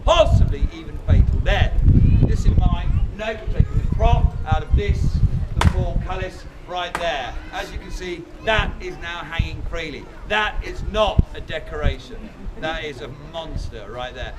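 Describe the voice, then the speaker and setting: A man's voice: a little high, expressive, normal speed, few pauses, recorded from a distance. An Englishman presenting a live comic castle show outdoors, projecting theatrically without a microphone. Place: outdoors at a castle before a crowd. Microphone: no microphone, recorded from the audience. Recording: loud crowd and outdoor noise.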